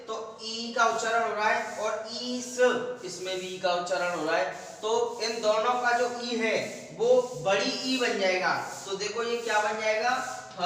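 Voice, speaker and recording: A man teaching a grammar lesson to students, explaining slowly and step by step with a lot of repetition. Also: high voice, sharp tone. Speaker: school teacher. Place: classroom. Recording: echoey room, far from the mic, faint noise.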